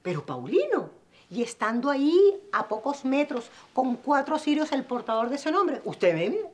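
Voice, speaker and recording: A woman's voice: high voice, sing-song, normal speed. An actress with a Venezuelan accent playing a blunt, insistent godmother who spreads what she heard, in a telenovela. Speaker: godmother Celeste. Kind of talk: telenovela acting.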